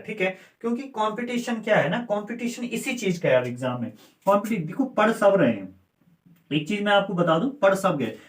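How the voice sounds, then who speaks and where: Male exam-prep teacher: high voice, echoey room, quizzes himself on terms. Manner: repeats key terms, asks and answers his own questions. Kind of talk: exam-prep lecture with memory tricks.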